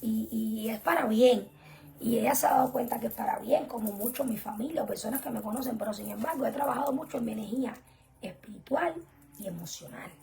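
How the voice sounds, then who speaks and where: A young woman teaching an online religious class, earnest and emphatic, often dropping to soft whispered asides. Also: fairly high pitch, fairly quick, gravelly. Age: young adult. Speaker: spiritual teacher.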